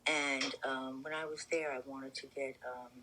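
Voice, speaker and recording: This caller, in their seventies and from around New York City, has a faint New York accent and a sharp-toned, medium-pitched voice with little pitch movement. They speak a little slowly, chatting on the phone in a rambling, amused manner, with slight hiss or hum in the background.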